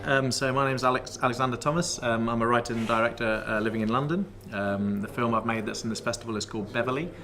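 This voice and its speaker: A man from South Wales, a writer and director, explaining his work in a festival interview in a measured way, pausing often. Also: medium pitch, steady tone, music in the background. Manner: measured, explanatory, pauses with fillers.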